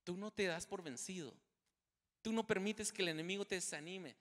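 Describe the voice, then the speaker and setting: Male pastor, high bright voice, emphatic sermon delivery with repeated phrases, long church reverb. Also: normal speed. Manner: emphatic, repeats key phrases, addresses the congregation directly. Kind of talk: preaching a sermon. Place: church sanctuary.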